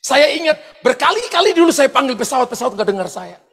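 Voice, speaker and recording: A pastor telling personal stories in a sermon, animated, often shouting out quoted lines and laughing as he goes. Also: extremely high pitch, quick pace, creaky. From eastern Indonesia. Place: large church hall. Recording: long hall reverb from church sound system.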